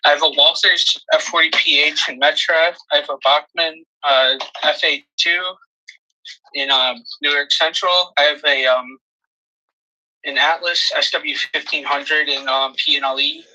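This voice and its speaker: Chicago guy, bright monotone voice, ums through a list on a call. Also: on the high side, unhurried, poor audio. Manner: listing, hesitant with fillers. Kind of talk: casual chat on a video call. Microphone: video call.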